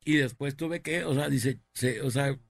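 A man's voice: medium pitch, measured pace, gravelly, no room sound, clean studio sound. A man with a Mexican Spanish accent, co-hosting a radio show and telling a rambling anecdote in joking banter. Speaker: radio co-host.

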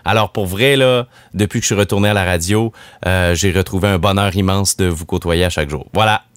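A man's voice: low voice, brisk, smooth, no room sound. A man with a Québécois French accent, hosting a radio show in casual, playful banter. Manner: playful, animated. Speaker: radio host. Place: radio studio. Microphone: studio mic.

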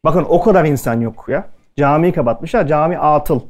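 A man from Türkiye tells stories to a live audience in a loose, conversational way. His voice sits a little high for a man, and he keeps slipping into the voices of the people he quotes. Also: moderate pace, a little mellow. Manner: chatty anecdotal delivery, acting out quoted dialogue. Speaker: speaker at a culinary event. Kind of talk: casual storytelling talk to an audience.

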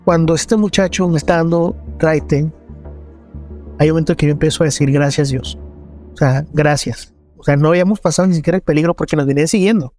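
A man's voice: fairly high pitch, fairly quick, a little mellow, soft background music. Earnest Mexican man recounting his story. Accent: Mexican Spanish. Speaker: journalist giving testimony. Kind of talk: personal testimony interview.

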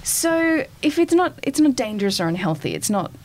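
A woman, hosting a podcast in casual, chatty conversation with quick asides. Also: on the high side, very animated, a little mellow. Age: 30s. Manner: chatty, quick asides, frequent agreeing fillers. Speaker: podcast host. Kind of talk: casual chat.

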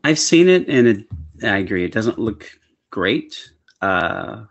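Low-voiced man chatting on a podcast. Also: sing-song, takes it slowly, gravelly, muffled recording. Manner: upbeat, chuckling, talks over co-host. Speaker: podcast co-host. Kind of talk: casual chat about comic book films.

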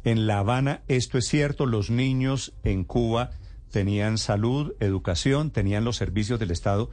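A man's voice: on the low side, moderate pace, a little mellow. A man hosting a radio news interview, probing and politely cutting in. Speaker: radio host.

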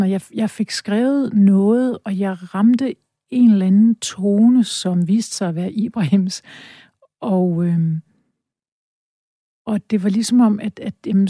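A woman with a very dark, mellow voice and a slightly husky edge. She speaks as a novelist, both reading a passage aloud and answering questions, often hesitating and restarting her sentences. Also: mid-range voice, no room sound, clean studio sound. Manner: hesitant, many fillers and restarts. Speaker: author and guest.

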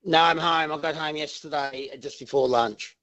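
Australian man, phone held away from his mouth, on dry radio airwaves. Plain-spoken and casual, pitched a touch high for a man. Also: fairly even intonation, moderate pace, a bit bright, no room sound, dull audio. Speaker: radio show guest on the phone. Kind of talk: casual chat.

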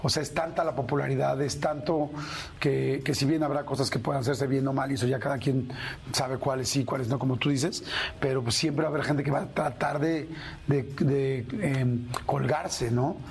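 A man's voice: mid-range voice, fairly even intonation, normal speed, gravelly, a little mellow, slight background noise. A man with a Mexican accent hosting a radio show and interviewing in a conversational way.

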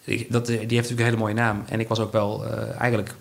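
A man, an entrepreneur being interviewed, who talks quickly in halting phrases full of fillers and restarts. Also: fairly low pitch, monotone, gravelly. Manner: fast, halting speech with many fillers and restarts. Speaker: entrepreneur guest. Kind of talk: conversational interview.

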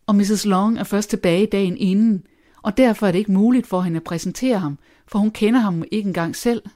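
A reader voicing a nervous, excitable middle-aged mother of five daughters in an audiobook, gushing and indignant by turns. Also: mid-range voice, voice pushed up, natural voice. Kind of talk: audiobook character voice.

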